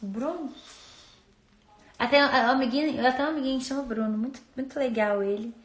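High, chatty woman in a roomy echo. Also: fast talker. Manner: chatty, rambling, playful. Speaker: social media influencer. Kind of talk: casual phone stories chat.

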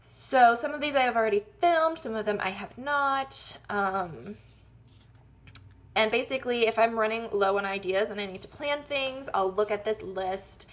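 A woman's voice: on the high side, normal speed, a bit bright. A young woman from Wisconsin with a slight Wisconsin accent, chatting casually and rambling as she walks through her planner in a vlog. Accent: Wisconsin, slipping in at times. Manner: chatty and rambling, with frequent ums and laughs at herself. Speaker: YouTube vlogger.

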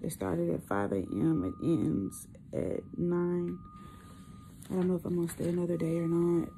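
A young woman chatting casually to camera, weak after surgery, with a hoarse, partly lost voice and a subdued, halting, effortful delivery. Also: fairly low pitch, mellow. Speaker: vlogger. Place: small hospital room, indoors. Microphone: phone at arm's length. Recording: noisy hospital room phone recording.

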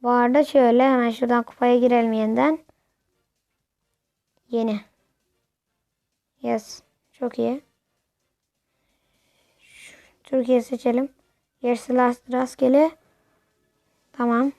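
A woman giving casual live commentary while playing a football video game, excitably shouting at the players and the referee. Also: fairly high pitch, measured pace, long pauses, no room sound, studio quality. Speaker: gamer.

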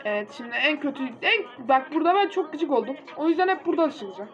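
High-voiced young male gamer, lo-fi. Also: quick pace. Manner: excitable, easily frustrated, talks to viewers directly. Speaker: gaming channel host. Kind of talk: casual mobile gameplay commentary. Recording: dull lo-fi recording with faint game music.

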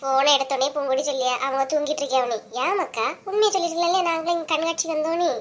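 High-voiced village woman with a Kanyakumari accent, as a woman voices her. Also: steady tone, fast, natural voice. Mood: stern. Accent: Kanyakumari Tamil. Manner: chatty, scolding, teasing. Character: village women, gossiping and scolding relatives. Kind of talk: cartoon voice acting.

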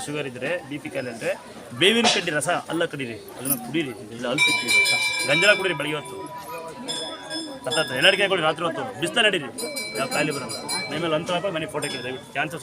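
Brief: rapid-talking man, higher voice, blesses and instructs devotees outdoors, crowd noise behind. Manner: commanding, repeats instructions. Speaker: temple healer blessing devotees. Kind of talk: giving blessings and remedies to a crowd. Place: outdoor temple grounds among devotees.

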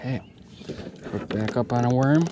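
Relaxed young man fishing from a kayak. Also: medium pitch, normal speed, background noise. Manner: relaxed, chatty, talks to viewers. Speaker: fishing vlogger. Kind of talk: casual narration while fishing. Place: kayak on a lake outdoors. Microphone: head-mounted action camera.

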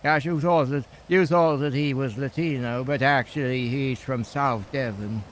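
A man's voice: medium pitch, moderate pace, a little hiss or hum, lightly acted. A man with a younger voice faking an old British grandfather, rambling and stammering through tall tales in improvised role-play. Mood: reminiscing.

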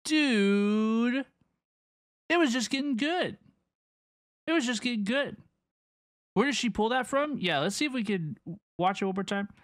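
Over video game trailer music, a young reaction video host offers eager, slangy commentary, doubling up words for emphasis into a close mic. She sounds a little high and animated, keeps a measured pace, pauses often, and there's no room sound.

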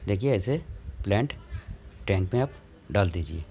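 A man's voice: sits low, expressive, normal speed, dark tone, a little hiss or hum. A man hosting his channel, giving a plain step-by-step how-to narration about setting up a tank. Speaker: channel host.

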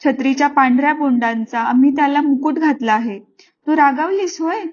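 Woman reading as a young village boy, earnest, innocent, high childlike voice, slightly muffled. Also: a little fast, a little mellow, lightly acted. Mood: pleading. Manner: pleading, innocent questioning.

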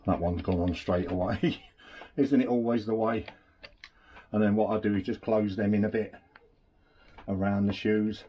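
A man with a lowish voice, speaking at normal speed with long pauses, demonstrates a scooter rebuild at an indoor workshop bench amid slight background noise. Relaxed and chatty, he talks while his hands work, standing to the side of a camera set on the bench.

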